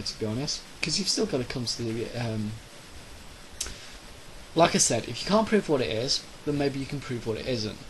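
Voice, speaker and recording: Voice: medium pitch, a little hiss or hum, low-quality recording. A person delivering a rambling, opinionated monologue in a theatrical, declamatory way, drawing out phrases for emphasis. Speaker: solo speaker of a rant video.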